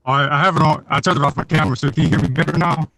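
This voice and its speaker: A man poet on a video call from outdoors, his voice coming through garbled and underwater-sounding from a bad connection, giving quick short replies. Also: fairly high pitch, steady tone, vocal fry, a bit bright, no room sound. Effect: garbled underwater-sounding audio on a bad connection. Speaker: poet waiting to perform. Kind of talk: casual chat on a video call.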